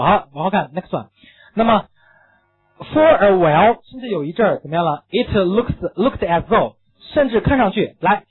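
A man teaching an English reading lesson, animated and full of rhetorical questions, slipping English phrases into his lecture. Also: high-pitched, slightly rough. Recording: tinny phone-like recording.

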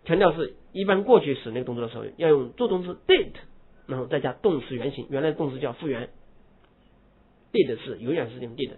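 A man's voice: mid-range voice, animated, a little fast. A man teaching English grammar to a class, explaining step by step and stressing key words. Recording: tinny phone-like classroom recording.

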